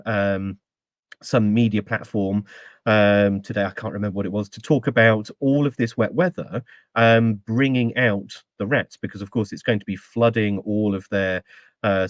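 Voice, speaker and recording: A podcast host chats casually, rambling with many ums and restarts before he introduces a guest. His voice is fairly low, with no echo.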